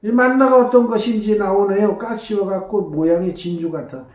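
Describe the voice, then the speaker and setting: A man's voice: high-pitched, moderate pace, darkish tone. A male pastor giving a sermon in a chatty, conversational manner, often tagging his points with a questioning "eh?". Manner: conversational, tags lines with rhetorical "eh?". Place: church. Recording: echoey church room.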